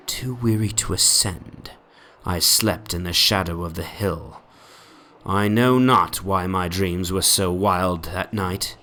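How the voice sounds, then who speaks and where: A man narrating a horror story as a dramatic reading, with a theatrical, brooding, drawn-out delivery. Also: deep voice, fairly bright tone, slight background noise. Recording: music bed under the voice. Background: music soundscape.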